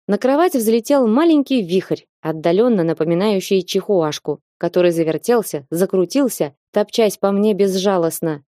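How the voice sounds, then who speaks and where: Woman reading a lively audiobook. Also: mid-range voice, dry recording, studio quality. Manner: lively, acting out every voice. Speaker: audiobook narrator.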